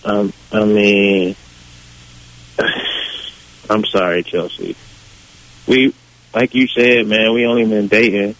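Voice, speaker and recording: A man with a fairly low voice on a phone line. He talks in a laid-back way, mumbling and evasive. The sound is thin and phone-like. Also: flat delivery, slow pace, long pauses, a bit bright. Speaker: prank call target. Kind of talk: phone call.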